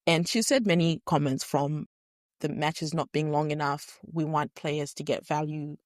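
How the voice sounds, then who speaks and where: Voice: mid-range voice, steady tone, unhurried, no room sound, studio quality. A podcast host talking through a stuffy cold, sniffling and a bit nasal, giving earnest, opinionated solo commentary.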